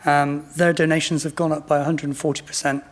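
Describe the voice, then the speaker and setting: Male, late 50s, modern British RP accent, slightly raised pitch, presenting a product informally as a company representative. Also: flat delivery, brisk. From Bristol, England. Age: late fifties.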